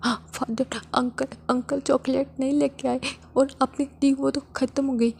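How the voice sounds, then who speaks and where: A woman voicing a small cheeky girl who pleads and whines in a high, sing-song childlike voice. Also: little pitch movement, moderate pace, creaky, a little mellow, slightly rough, heavily acted. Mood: pleading.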